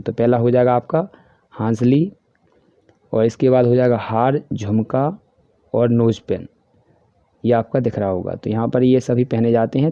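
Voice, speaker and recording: A man with a Hindi accent teaching a class worksheet, explaining each answer step by step and reading the English questions slowly. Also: mid-range voice, no echo. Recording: dry, dull lo-fi voice-over.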